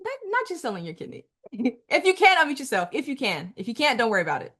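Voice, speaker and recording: Female webinar host, animated casual talk, bright voice, video-call mic. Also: on the high side, quick pace, breathy edge. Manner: animated, repeats herself, calls people girl. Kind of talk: casual webinar chat with attendees.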